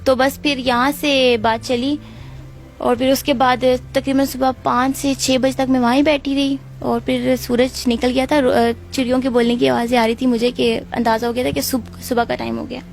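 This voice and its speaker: Young woman, Pakistani Urdu accent, gravelly, fairly high, earnest interview account. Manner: earnest, steady recounting. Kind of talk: emotional personal account.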